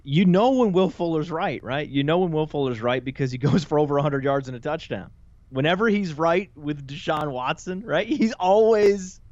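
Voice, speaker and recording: A man talking as a guest analyst in a casual podcast chat, playful and quick with joking asides. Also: medium pitch, no room sound, dull audio. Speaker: guest fantasy football analyst.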